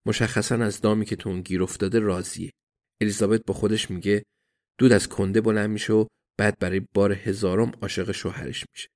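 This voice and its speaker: A man narrating an audiobook in a steady, even storytelling manner. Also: lowish voice.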